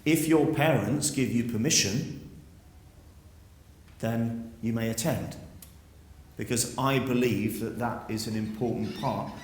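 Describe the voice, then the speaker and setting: A man's voice: medium pitch, takes it slowly, pauses often, darkish tone. A man, a school headmaster, giving an earnest, persuasive speech to pupils at an assembly, using rhetorical questions. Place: school hall. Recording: echoey hall.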